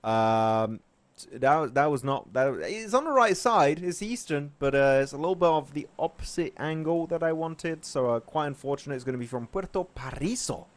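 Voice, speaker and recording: A man casting an esports match, joking with his partner and getting loud during the action. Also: fairly high pitch, animated, moderate pace, dry recording. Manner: jokey, laughs often, rises sharply when play heats up. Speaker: esports caster. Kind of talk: esports play-by-play commentary.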